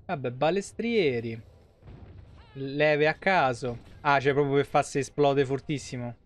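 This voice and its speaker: This Italian game livestreamer talks in a mid-range voice at a measured pace. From his small indoor streaming setup, he keeps the commentary casual, slangy and playful, tossing in mock exclamations.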